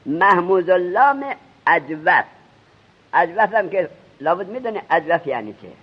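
Male teacher, somewhat high, husky voice, quizzing his class, dull lo-fi recording. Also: very animated. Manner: quizzes students with rapid questions. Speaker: religious teacher. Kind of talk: seminary grammar lesson.

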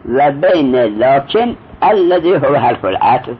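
A man's voice: mid-range voice, big pitch swings, slight background noise. A man teaching a traditional Arabic grammar lesson, explaining step by step and quizzing his student as he goes. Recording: muffled lo-fi recording.

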